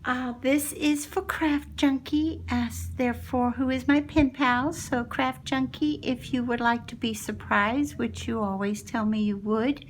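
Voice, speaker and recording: A woman speaks at a slow, unhurried pace in the manner of a casual craft vlogger. She is chatty and affectionate, talking straight to her viewers as she shows off her work. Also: fairly high pitch, fairly even intonation, slight background noise. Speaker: craft vlogger presenting a project share. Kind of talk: casual craft show-and-tell.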